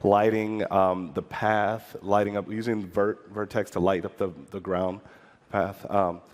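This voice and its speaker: Low-voiced man answering on a panel. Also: level tone, a little slow. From Michigan. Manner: loose, filler-heavy explaining. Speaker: level designer on a convention panel. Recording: long reverb of a convention hall.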